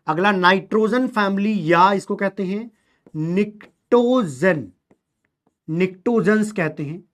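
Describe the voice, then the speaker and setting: A man's voice: high voice, fairly bright tone. A male chemistry teacher lecturing a class, drilling students with call-and-response questions in a colloquial, teasing way.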